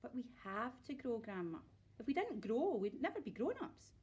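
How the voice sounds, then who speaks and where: A woman's voice: on the high side, sing-song, moderate pace, darkish tone, husky. A woman voicing a polite, put-upon eight-year-old boy, meek and earnest, in a storybook reading. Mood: protesting.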